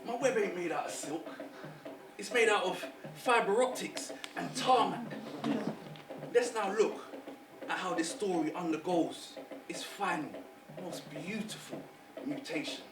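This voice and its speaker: Someone doing an old trickster spider spirit, jamaican accent, slow rhythmic chuckly talk, kinda far off in an echoey room, music under it. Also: mid-range voice, lightly acted. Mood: sly boastful. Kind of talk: spoken-word performance. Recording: roomy distant voice over music.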